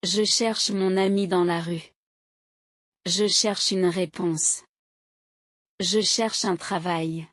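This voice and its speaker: Speaking in a lowish voice, this woman teaches language by reading brief example sentences one at a time. Her pace is very slow and deliberate, her delivery steady and precisely articulated. The close, dry recording carries no echo or room sound.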